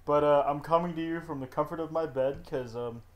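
A young man with a slightly stuffy nose, hosting a casual podcast from his bed at home, talking in an excitable way, swearing a lot and laughing often. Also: fairly high pitch, a little fast. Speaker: podcast host. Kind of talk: casual chat. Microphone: desktop USB microphone.

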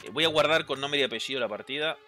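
A man with a Rioplatense Spanish accent giving chatty, excitable gameplay commentary, reading game lines aloud and answering chat. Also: medium pitch, fast talker, faint music behind. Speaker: gameplay streamer.

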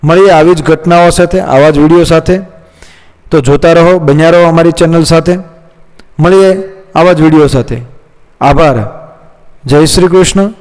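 A man narrating a moral folk tale in a measured, plain reading. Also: on the high side, fairly even intonation, a little mellow, clean tone. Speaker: storyteller. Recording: long hall reverb.

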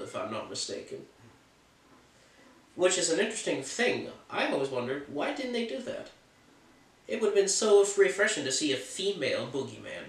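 A man's voice: mid-range voice, a bit bright, recorded from a distance. A man talking casually as a film reviewer, chatty and opinionated, with offhand jokes. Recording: roomy sound from off the mic.

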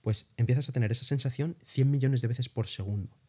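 A man's voice: mid-range voice, brisk, slightly rough. A young man from Spain, telling his travel experiences as a guest in a casual interview, swearing lightly as he goes. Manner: animated storytelling with casual swearing.

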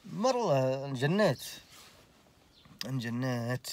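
A young Saudi man in his late twenties recounts a story in casual talk. He speaks with lively energy and keeps swearing oaths to stress his point. His voice sits at an ordinary male pitch. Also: slight background noise. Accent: Saudi Arabic. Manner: animated, swears oaths, laughs through the story.

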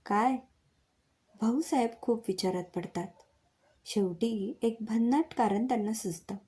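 Marathi lady reading a story, does all the voices, warm and a bit high. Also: moderate pace. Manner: reads all characters with lively shifts in pitch. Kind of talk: scripted story narration.

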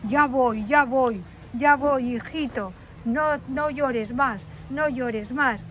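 A woman voicing a gentle, kind mother bear who soothes and reassures in a toy-play story. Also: sits high, slow, slight background noise.

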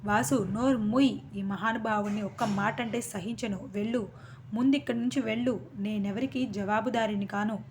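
A woman reading a story aloud, voicing an older mother who answers her son in a stern, steady, warning tone. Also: mid-range voice, moderate pace, a little hiss or hum, close to an everyday voice. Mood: commanding. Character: firm, dignified older mother standing her ground.

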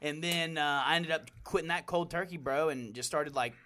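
A man's voice: a little high, moderate pace, pushed and bright. A young man hosting a podcast in casual chat, laid-back and full of "bro" and "dude". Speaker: podcast host.

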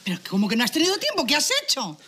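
An incredulous, quick wife. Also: female voice, sits high, wildly swooping pitch, bright, forceful tone, a little hiss or hum, heavily acted. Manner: incredulous, questioning. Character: skeptical working wife, incredulous. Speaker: sitcom wife. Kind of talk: sitcom acting.

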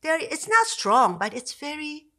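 A Korean language professor in her sixties, a native Korean speaker with a Korean accent, guests on a podcast and explains language in an animated, conversational way with many fillers and restarts. Her voice sits high and her pace is measured. She speaks from a home study lined with bookshelves into a podcast mic on a stand.

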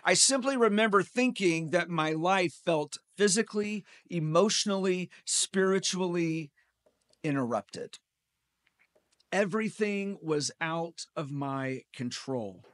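A man's voice: high-pitched, slow pace, fairly bright tone, no echo. A middle-aged man preaching a sermon at a church pulpit, telling stories with dry humor into a gooseneck mic. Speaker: pastor.

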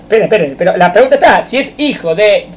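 A man, a rabbi, teaching a Torah lesson to students in a study hall, reciting verse slowly and then explaining it while checking that the class follows. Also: high-pitched, expressive, slight background noise. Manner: keeps checking understanding with the class.

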